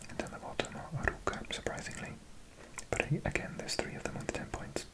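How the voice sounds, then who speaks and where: Whispering gently, this ASMR host, a Welshman from Wales in his forties, reads out results at a slow pace. He keeps slipping in casual, chatty comments.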